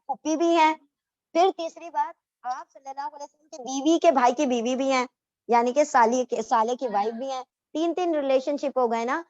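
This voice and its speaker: A woman's voice: on the high side, dry recording, highs cut off. A woman teaching a casual class, explaining step by step and asking her students questions, often correcting herself. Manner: self-correcting, restarts. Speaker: Islamic history teacher.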